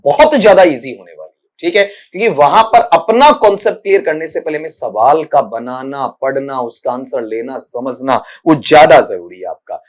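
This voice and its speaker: Brief: middle-aged male tutor, somewhat high voice, lectures plainly with a scolding edge. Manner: addresses students as beta, repeats "thik hai" often; corrects pronunciations by saying sounds slowly one by one. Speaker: English teacher. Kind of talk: exam-prep lecture.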